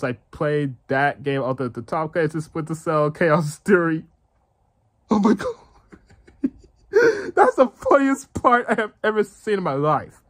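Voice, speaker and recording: Slow-talking stammering male game reactor. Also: on the high side. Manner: stammering, repetitive, giggly. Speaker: gaming channel host. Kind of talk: casual reaction commentary.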